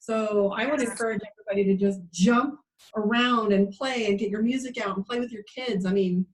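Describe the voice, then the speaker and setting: Brief: woman host, emphatic and lively, middle-pitched voice, strings words together in long runs. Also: a little fast, poor audio. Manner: emphatic, piles up words in lists. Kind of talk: casual spiritual chat.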